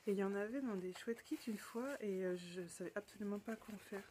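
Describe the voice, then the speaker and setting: A French woman of medium pitch chats casually to her viewers while unboxing gifts, gushing in bursts and then sinking into a hushed near-whisper. Her voice sits over a clearly audible background noise. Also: a little fast, low-quality recording. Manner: delighted exclamations, often drops to a soft near-whisper. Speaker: knitting podcast host. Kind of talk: casual unboxing chat to camera.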